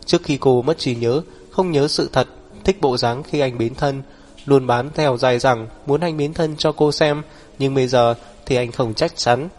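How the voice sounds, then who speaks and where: A man's voice: medium pitch, unhurried. Man narrating an audiobook steadily.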